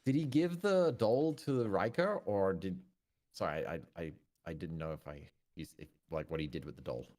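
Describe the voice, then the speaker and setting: A man playing a tabletop game, relaxed and rambling, laughing often. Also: deep voice, normal speed. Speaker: player. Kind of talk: casual tabletop play.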